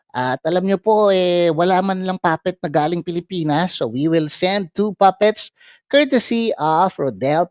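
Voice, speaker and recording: A live-stream host with a Filipino accent reads announcements and thanks sponsors in a casual style. The delivery is slow and halting, with stumbles over words, at a medium pitch. The sound is dry, with little room in it. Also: dry recording.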